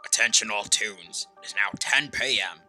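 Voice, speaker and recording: A man's voice: fairly low pitch, normal speed, pushed and bright, soft background music. A man voicing a male announcer reading a formal announcement. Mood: announcing. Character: male announcer over a loudspeaker.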